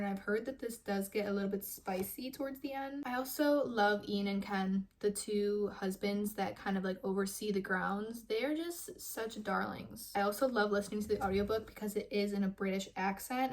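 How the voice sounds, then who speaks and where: A woman's voice: mid-range voice, a little mellow. A young woman talking casually and upbeat to her viewers in a lifestyle vlog. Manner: chatty, upbeat, conversational. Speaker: vlogger. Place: outdoors at a park, with her dog.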